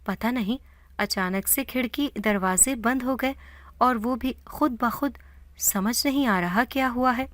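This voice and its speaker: A woman's voice: fairly high pitch, fairly bright tone, dry recording, voice pushed up, close to an everyday voice. A woman voicing a scheming, greedy middle-aged woman in a horror story. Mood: frightened.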